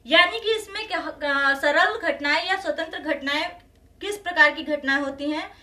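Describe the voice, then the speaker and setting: A woman maths teacher giving a classroom lecture, slowly repeating each phrase and often telling students to pay attention. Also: sits high, pushed and bright, distant mic. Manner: slow and repetitive, says each phrase twice.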